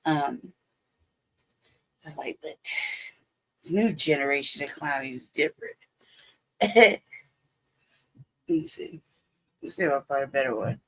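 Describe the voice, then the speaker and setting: Here the host sounds a little high, animated and bright, with a gravelly, forceful tone, a measured pace, and frequent pauses. Reacting to clips on his live stream, he wanders loosely and sometimes falls to a near whisper, all over poor audio.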